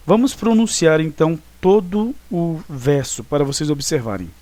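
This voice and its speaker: A man's voice: a little high, no room sound. A male teacher giving a recorded online class, explaining step by step and often checking that students follow. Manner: explanatory, with frequent checking tags.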